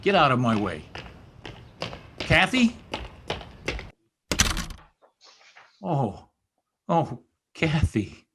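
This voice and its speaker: An actor playing Heathcliff, a brooding and bitter lover, in an old-time radio drama with an impassioned, theatrical delivery. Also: male voice, fairly high pitch, sing-song, slow, background noise, exaggerated voice. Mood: urgent, demanding, then anguished, pleading. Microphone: recorded remotely over video call.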